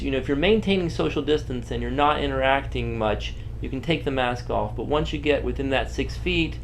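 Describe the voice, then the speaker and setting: A man with a medium-pitched voice answers interview questions as a hospital doctor. He explains things plainly and reassuringly, at a measured delivery. There is some noise in the recording. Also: creaky. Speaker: hospital doctor giving public health advice.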